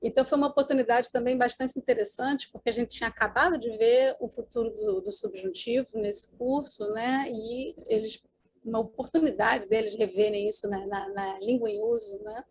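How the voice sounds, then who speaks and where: A woman's voice: on the high side, normal speed, slight background noise. A Brazilian woman with a Brazilian Portuguese accent giving an academic conference talk over a video call, explaining as she goes with many fillers and tag questions. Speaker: conference presenter.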